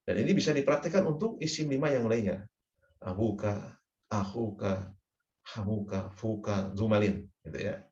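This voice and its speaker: A man's voice: fairly low pitch, moderate pace, darkish tone. A man teaching grammar in a lecture, patiently repeating each term and checking in with short confirmations. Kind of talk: classroom lecture. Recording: roomy, dull lo-fi recording.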